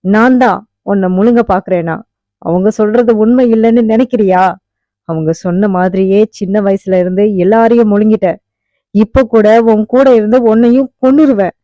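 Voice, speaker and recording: A woman's voice: mid-range voice, moderate pace, warm tone, no echo, lightly acted. A woman voicing an anguished young husband who pleads at a hospital bedside and turns fierce when angered, on a dull, dry recording. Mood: pleading. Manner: pleading then commanding. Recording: dull, muffled audiobook recording.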